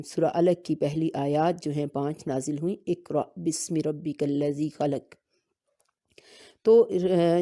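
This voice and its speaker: A woman giving a religious lesson on reciting the Quran, explaining steadily and reciting Arabic verses slowly. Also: low-pitched, warm tone. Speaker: Quran teacher.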